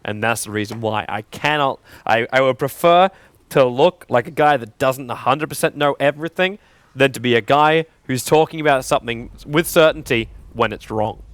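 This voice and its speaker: A man's voice: mid-range voice, normal speed, a bit bright, no room sound. A young man casting esports, chatting and joking between games in a self-deprecating way, laughing often. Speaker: esports commentator. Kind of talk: casual on-air banter between games.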